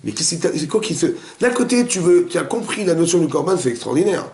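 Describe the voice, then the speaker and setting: A man, a rabbi, giving a lively interactive Torah class, quizzing his students and acting out the dialogue. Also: on the high side, quick pace. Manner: animated, questions the students, acts out dialogue. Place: echoey room with students. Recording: roomy echoey room recording.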